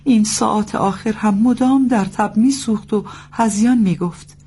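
Woman voicing an anxious mother at a sickbed, pleading, formal, gravelly voice, audio drama. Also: mid-range voice, mellow. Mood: worried. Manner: worried, pleading, formal speech. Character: anxious mother nursing her feverish son.

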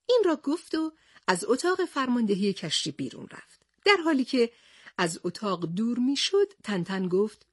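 Animated husky woman storyteller. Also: a little high, no echo, clean studio sound. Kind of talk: storybook reading aloud.

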